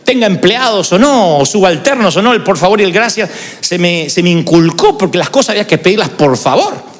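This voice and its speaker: Pastor guy preaching, pretty high voice, super lively and jokey. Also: fairly quick, in a large hall. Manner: animated, humorous storytelling. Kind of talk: sermon.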